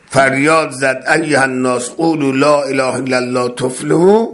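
A man's voice: mid-range voice, a bit bright. Emphatic male preacher declaiming a sermon. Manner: emphatic and declamatory, repeating phrases for stress; recites Arabic phrases, then explains them. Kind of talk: religious sermon.

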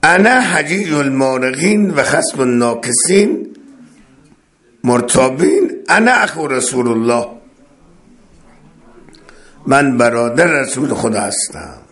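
Male preacher, emphatic sermon delivery, repeats key words for weight, mid-pitched voice. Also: lively intonation, long pauses, a bit bright. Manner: emphatic and declamatory, repeating phrases for stress; recites Arabic phrases, then explains them. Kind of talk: religious sermon.

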